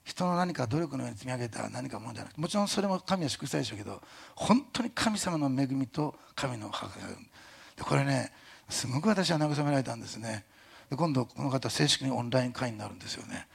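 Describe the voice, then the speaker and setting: A male pastor delivering a sermon in an animated, joking way, full of fillers and asides. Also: medium pitch, fast, gravelly, husky. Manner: animated, jokey preaching with many fillers.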